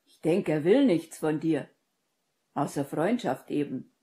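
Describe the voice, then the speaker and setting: A woman reading an audiobook and voicing a hot-headed young man in a loud, blunt, exasperated manner. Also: low voice, lively intonation, unhurried.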